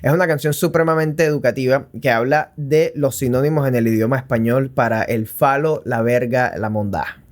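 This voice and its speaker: A man with a Colombian Caribbean accent talks casually as a podcast co-host. His voice sits at a medium pitch, and his talk is full of slang and cheeky, crude joking. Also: fairly even intonation, brisk, few pauses. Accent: Colombian Caribbean coast. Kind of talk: casual chat.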